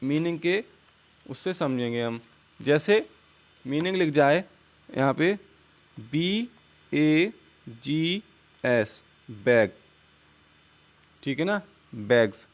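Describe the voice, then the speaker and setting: A man's voice: a little high, expressive, slow, pauses often. A man with a slightly raised voice talks through a spelling lesson over slides. He poses a question, then gives the answer himself, saying each word twice in a patient, drilling way. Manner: asks questions and answers them himself, repeats words. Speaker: English teacher. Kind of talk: Hindi-language spelling lesson.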